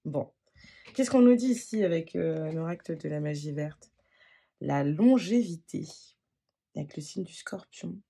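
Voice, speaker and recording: Husky, halting tarot reader. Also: medium pitch, animated. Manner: halting, gentle, many restarts and fillers. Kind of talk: spontaneous card-reading monologue.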